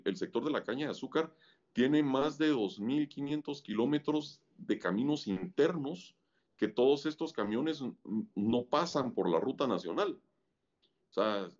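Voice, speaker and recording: A man's voice: mid-range voice, darkish tone, lo-fi sound. A man, a guest in a podcast interview, explaining at length with frequent restarts and fillers. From Guatemala. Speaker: guest, business leader.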